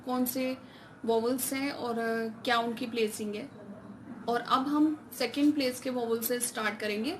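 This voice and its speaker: A woman teaching shorthand step by step, mixing in English terms and reading the English rules out slowly. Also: fairly high pitch, noisy background. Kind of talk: classroom lesson explaining step by step.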